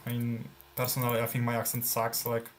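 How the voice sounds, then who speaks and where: A gameplay streamer with a Polish accent, a native Polish speaker, casually comments on his own play while thinking aloud. He uses many fillers and trailing phrases. His mid-range voice is completely flat and brisk, with soft background music.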